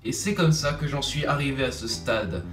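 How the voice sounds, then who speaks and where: A man's voice: mid-range voice, normal speed, recorded from a distance. Young male narrator, scripted and self-mocking, roomy sound with music underneath. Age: young adult. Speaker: YouTuber narrating his own short film.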